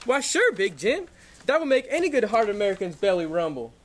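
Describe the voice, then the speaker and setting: Man playing a high-voiced, folksy, pompous Texan pundit. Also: big pitch swings, brisk. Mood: folksy rambling. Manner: folksy, long-winded, blustering. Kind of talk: scripted news satire sketch.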